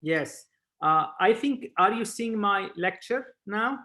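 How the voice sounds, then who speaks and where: A Spanish man lecturing on surgery speaks in an informal video webinar, explaining haltingly in non-native English and repeating words. His high voice is animated with a sharp tone, recorded over a video call.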